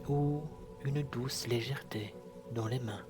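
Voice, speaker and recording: A man guiding a hypnosis session in a soft, sultry, soothing, hushed voice with long pauses. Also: mid-range voice. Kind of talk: slow guided hypnosis narration. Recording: music behind the voice. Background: clear background music.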